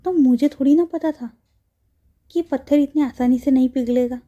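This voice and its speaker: Woman voicing a sheepish young friend, defensive, high, mellow. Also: moderate pace, lo-fi sound.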